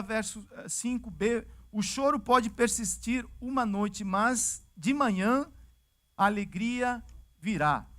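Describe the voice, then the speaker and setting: At a church service, a man whose voice sits high delivers a sermon with a Brazilian Portuguese accent. He keeps it animated and chatty, dramatizing the scripture passages as he goes.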